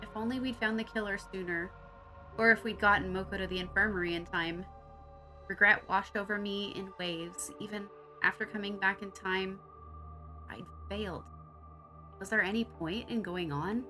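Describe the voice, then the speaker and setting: A woman's voice: mid-range voice, fairly even intonation, normal speed, music in the background. A woman reading a visual novel aloud, narrating the story and acting out its characters.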